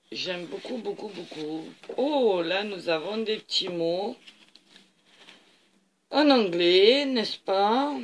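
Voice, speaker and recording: Guy w a highish voice showing off craft paper, slow and gushy, says "very nice" a lot. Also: a bit bright, a little hiss or hum. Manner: gushing, repeats little compliments, unhurried with fillers. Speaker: craft channel host. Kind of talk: unboxing and leafing through craft paper on camera.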